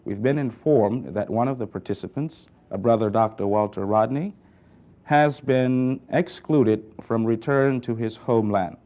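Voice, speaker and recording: A man hosting and moderating a TV interview, introducing guests and asking formal, measured questions. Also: mid-range voice. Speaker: host and moderator. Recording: dull lo-fi 1960s TV audio.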